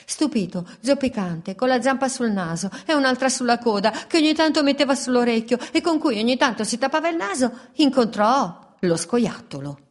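A woman reading a children's story aloud in a playful, expressive way, with repeated refrains. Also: high voice, normal speed, few pauses.

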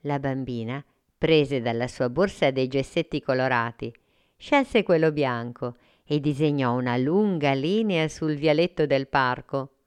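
A woman reads a children's story slowly and calmly, her voice low and smooth. The recording is dry and close, with no room behind her. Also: no echo. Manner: slow, calm, clear.

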